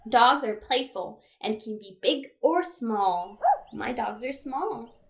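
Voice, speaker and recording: A slightly high, creaky-voiced woman takes it slowly with lively intonation while running a toddler storytime as a children's librarian. She reads aloud simply, tossing in questions and playful animal sounds for the small children.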